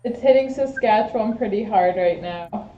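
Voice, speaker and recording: A woman's voice: medium pitch, moderate pace, mellow. A woman playing in a tabletop game on a video call, chiming in with short, puzzled questions. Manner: quizzical, interjecting with short questions. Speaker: player. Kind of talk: casual chat. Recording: echoey, dull, noisy call audio.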